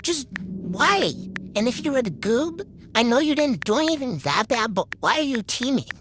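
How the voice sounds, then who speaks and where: A woman's voice: sits high, moderate pace. A woman commenting casually on her own gameplay footage, exasperated and rambling, restarting her sentences often. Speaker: gaming video creator. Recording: steady background noise.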